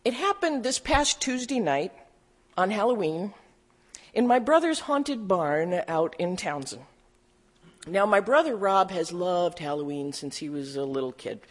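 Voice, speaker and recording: A middle-aged woman pastor giving a sermon, telling a personal story in a gently humorous, storytelling way. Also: mid-range voice.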